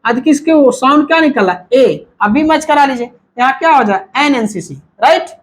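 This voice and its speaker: High voice, male teacher, repeats each point as a question and answers it himself, a grammar lesson in mixed Hindi and English. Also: animated, moderate pace. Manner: repetitive, asks and answers his own questions; mixes Hindi with English terms.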